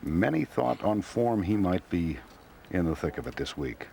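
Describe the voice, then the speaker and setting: A man giving live golf broadcast commentary in measured, clipped phrases with pauses. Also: sits low, big pitch swings, creaky, warm tone. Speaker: golf commentator, lead announcer on a hole. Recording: crowd and outdoor noise behind broadcast. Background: golf course crowd and outdoor ambience.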